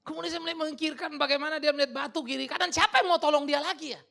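A male pastor preaching with a high, gravelly voice and a bright, forceful edge. He swings from hushed, low passages to loud, dramatic outbursts. He throws casual asides straight at the congregation. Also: steady tone, rapid-fire. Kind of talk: sermon.

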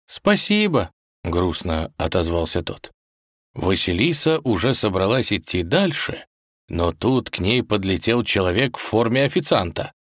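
A man reading a fairy tale aloud in an expressive storybook manner. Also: low voice, moderate pace, dry recording, studio quality. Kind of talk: storybook narration.

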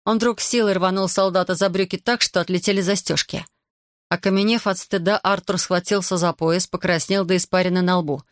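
An audiobook narrator reading a novel with expressive storytelling. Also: medium pitch, a little fast, dry recording, clean studio sound.

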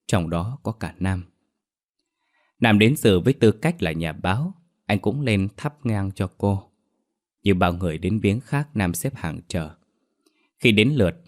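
Male horror narrator, low-pitched, steady and even. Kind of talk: scripted horror story narration.

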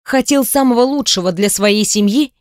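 A woman narrating an audiobook in an even, measured reading. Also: on the high side, no room sound, clean studio sound. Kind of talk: scripted narration.

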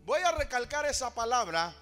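Impassioned male preacher, very high-pitched, calls out and half-sings to the congregation. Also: very animated, moderate pace, big-room sound, faint music behind. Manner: fervent, calls to the congregation, sings and shouts phrases. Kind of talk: sermon.

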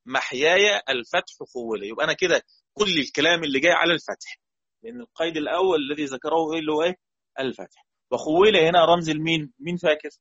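A man with an Egyptian Arabic accent teaches about variant readings of the Quran, explaining casually and chanting the quoted verses slowly. His voice is fairly high, a bit bright, and husky, captured in a dry, lo-fi recording.

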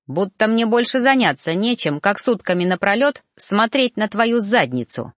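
A woman voicing an irritable, flustered young male reaper in an audiobook, snapping his words out slowly and angrily. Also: medium pitch, big pitch swings, a bit bright, no echo, studio quality. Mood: irritated. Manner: angry, snapping, drawn-out emphasis. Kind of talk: audiobook character voice.

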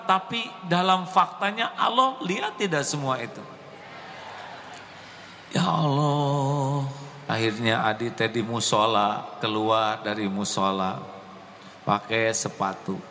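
A man tells a sermon story, pressing his audience with emphatic questions. His slow delivery echoes in a reverberant hall with faint ambience behind. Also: fairly high pitch, pushed and bright, a little hiss or hum. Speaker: preacher.

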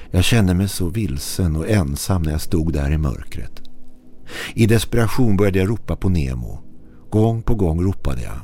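Male narrator, deep and dark-toned, tense scripted horror reading. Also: a little hiss or hum. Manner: tense, measured storytelling.

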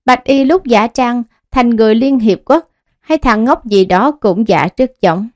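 A woman narrating a novel audiobook in a steady, even reading manner. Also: on the high side, unhurried.

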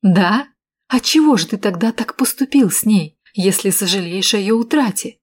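A woman reading an audiobook, voicing a cool, calculating woman who speaks in a calm, measured and insistent way. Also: medium pitch, breathy edge. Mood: cold, insistent. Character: cool, calculating woman, steady under pressure.

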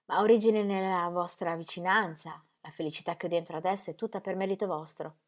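A woman's voice: lowish voice, steady tone, fast, natural voice. A woman reading the part of an earnest, anxious young pastor's wife with breathless, gushing emphasis. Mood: eager.

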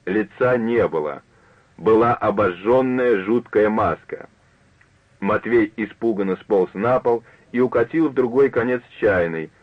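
Low-voiced man reading a story. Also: no room sound. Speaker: narrator. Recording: narrow phone-like dry broadcast.

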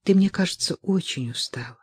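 A woman's voice: lowish voice, expressive, brisk, slightly rough, no echo, studio quality. A woman reading the part of a worried middle-aged mother who pleads anxiously with her daughter.

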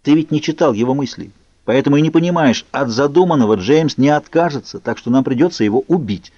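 A man voicing a cold, angry young male vampire in an audiobook, talking low and clipped. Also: animated, quick pace, darkish tone, dry recording, lightly acted. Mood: urgent. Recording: muffled lo-fi recording.

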